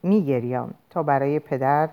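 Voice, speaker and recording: A woman narrating a novel in an expressive audiobook reading. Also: rumbling low, clean tone, highs cut off.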